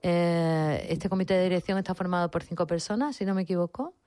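Deep-voiced woman radio interviewer, chatty and keen, dry close sound. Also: fairly even intonation, fairly quick, mellow, no echo. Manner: chatty and enthusiastic, with lots of tag questions.

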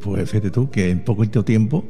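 A man's voice: on the low side, moderate pace, dark tone, faint music behind. A man hosting a late-night radio call-in show, teasing and playful with a caller, often repeating words. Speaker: radio host. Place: radio studio.

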